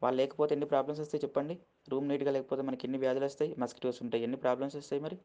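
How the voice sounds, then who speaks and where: A man explains English vocabulary in Telugu in a casual lesson, spelling each word letter by letter and asking "okay?" after every point to check his listeners follow. Earnest and at times emotional, he speaks in a flat, mid-range, dark-toned voice at a racing pace, on lo-fi audio.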